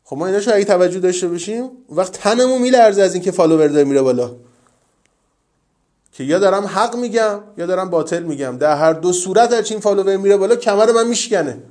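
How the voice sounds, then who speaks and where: Man preaching a religious lecture, fairly high voice, emphatic, keeps hammering his main point again and again. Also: animated, darkish tone. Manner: earnest, emphatic, repetitive.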